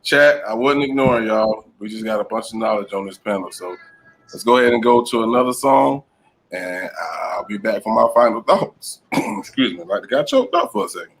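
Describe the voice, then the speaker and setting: Gravelly-voiced male show host. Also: lowish voice, normal speed, rough recording. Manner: warmly thankful, wrapping up the show. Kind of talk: casual live show hosting.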